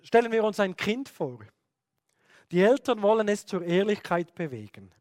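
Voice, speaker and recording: A man's voice: high voice, lively intonation, moderate pace, darkish tone, no echo, clean studio sound. A man teaching a Bible lesson in a conversational way, often slipping into quoted speech. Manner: conversational, acts out quoted speech with many "hey" asides. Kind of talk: recorded Bible teaching lecture.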